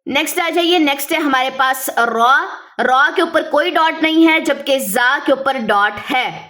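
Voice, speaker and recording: A woman teaching beginners letter by letter, explaining patiently and sounding each letter out slowly and drawn out. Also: sits high, bright, forceful tone. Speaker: Quran reading teacher. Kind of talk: step-by-step lesson.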